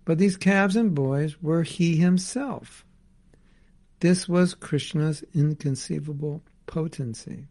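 A man's voice: fairly high pitch, takes it slowly, dark tone. A man teaching a scripture class, reading passages aloud and explaining them in casual asides. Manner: reads a passage then comments in casual asides.

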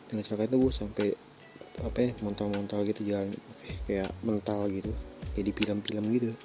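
Lisping, mellow Jakarta man podcasting casually. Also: on the low side. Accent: Jakarta Indonesian. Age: 20s. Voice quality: lisp, indistinct articulation. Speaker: podcast host. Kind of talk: casual solo storytelling podcast. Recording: dull lo-fi sound, faint music behind.

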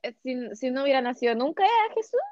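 A woman's voice: high-pitched, lively intonation, a little mellow, dry recording, highs cut off. A young woman with a Chilean accent in playful, casual chat. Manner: playful, chatty, quick to joke.

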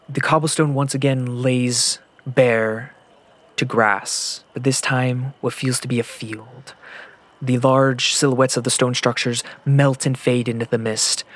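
A man's voice: mid-range voice, fairly bright tone. Man narrating a tabletop game, suspenseful. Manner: descriptive, builds suspense with repetition. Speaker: game master.

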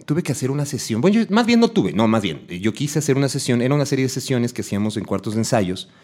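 A man, hosting a casual interview and chatting quickly with lots of filler agreement. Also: medium pitch, sing-song, darkish tone. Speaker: podcast host.

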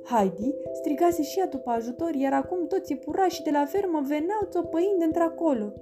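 A woman reading a children's storybook aloud in a lively, expressive way. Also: high voice. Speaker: narrator. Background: background music.

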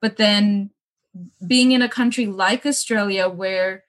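A woman's voice: mid-range voice, takes it slowly. A young woman with a mixed, hard-to-place accent, chatting casually as an interview guest, laughing often and using many fillers. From Middle East (Kuwait). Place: bungalow room with books at her parents' home.

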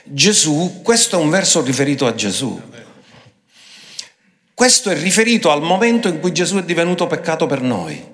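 A man preaching a sermon emphatically, switching between quick phrases and slow, drawn-out ones. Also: fairly high pitch, very animated, fairly bright tone. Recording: long hall reverb.

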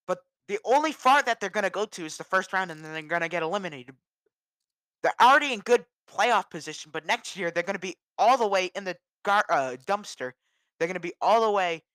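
A woman's voice: medium pitch, a bit bright, no echo, clean studio sound. A woman from New England ranting about her team in an agitated, repetitive way. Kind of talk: ranting sports vlog.

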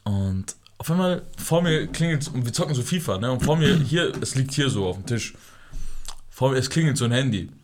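A man's voice: medium pitch, fairly quick, a little hiss or hum. A young man telling a story on a studio podcast, in casual slangy talk, laughing and restarting often. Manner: animated, laughing, slangy, many fillers and restarts.

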